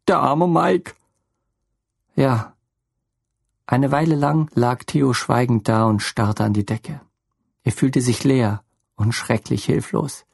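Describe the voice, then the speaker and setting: Casting: calm male audiobook narrator, husky voice, dry close mic. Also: medium pitch, a little slow, dry recording.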